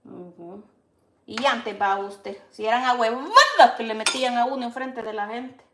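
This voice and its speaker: A woman's voice: on the high side, lively intonation, normal speed, very noisy. A Salvadoran woman hosting a casual cooking show. She chats and teases, and calls out her food like a street vendor. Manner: chatty, teasing, calls out dishes like a street vendor. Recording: echoey kitchen with clattering dishes.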